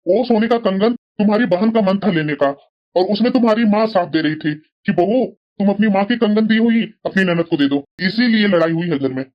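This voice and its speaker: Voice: mid-range voice, a little fast, lightly acted. A voice actor doing a firm older cartoon father-in-law. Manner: calm, firm. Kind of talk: cartoon drama dubbing. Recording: dull lo-fi audio.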